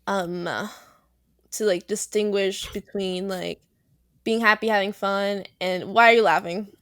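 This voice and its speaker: A woman's voice: medium pitch, fairly even intonation, measured pace, a bit bright, no room sound, studio quality. A woman in a casual podcast chat, playful and giggly, with lots of fillers.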